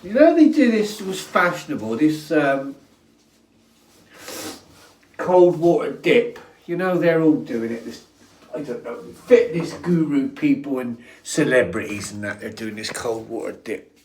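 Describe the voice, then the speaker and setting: Chatty older Englishman with lively pitch. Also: unhurried, slight background noise. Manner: rambling, chatty, talks to his dogs. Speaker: vanlife vlogger. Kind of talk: casual chat to camera. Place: in and around a van.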